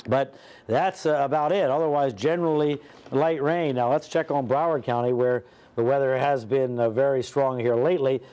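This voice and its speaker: Clear, higher-pitched male weather forecaster. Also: fairly even intonation, normal speed, dark tone. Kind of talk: ad-libbed live radar commentary.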